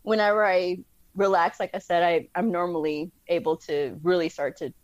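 A woman guest in a casual interview, telling lively stories, acting out quotes and laughing often. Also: fairly low pitch, normal speed, no room sound, muffled recording. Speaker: podcast guest.

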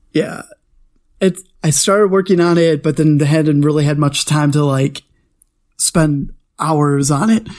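A man co-hosting a podcast in a casual chat, telling a story in an animated way and laughing often. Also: fairly high pitch. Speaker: podcast co-host.

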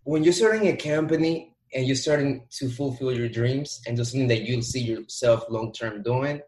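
In a relaxed podcast interview, this entrepreneur guest, a Dominican man in his 20s, talks with a mid-range, slightly mellow voice at a moderate pace. He's hands-on and motivational, leaning on repeated words to drive points home, while the room adds a clear echo.

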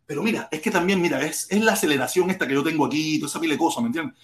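Animated Cuban man hosting a stream. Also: on the high side, racing. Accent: Cuban Spanish. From Cuba. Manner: animated, repeats phrases over and over, reads viewer comments aloud. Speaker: live stream host. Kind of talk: casual live stream chat. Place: at home. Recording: roomy echo.

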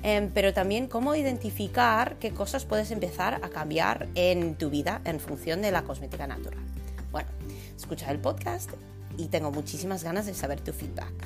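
A woman's voice: fairly low pitch, animated, moderate pace, over music. Chatty woman hosting a podcast. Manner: chatty, with many fillers and restarts. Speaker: podcast host. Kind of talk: casual podcast interview.

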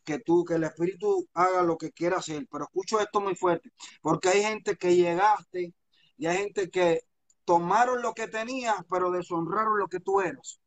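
A man's voice: high-pitched, steady tone, moderate pace. A man preaching a charismatic sermon with fervent, storytelling delivery.

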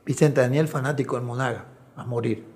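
His voice is medium-pitched and brisk: a middle-aged assistant coach and video analyst sharing stories in a casual interview. He narrates with animation, imitating each person he quotes.

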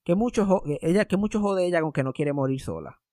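Man, sarcastic storyteller, acts out voices, fairly high voice, dry close mic. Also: expressive, fast talker, warm tone, no room sound. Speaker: podcast host. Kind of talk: casual storytelling chat.

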